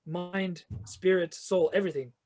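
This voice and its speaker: The guest is a man who writes fantasy novels and conducts a choir, and his voice sits high, a little mellow, with a steady tone and measured pace. In this reflective podcast interview he answers at length, earnestly building his points with restarts.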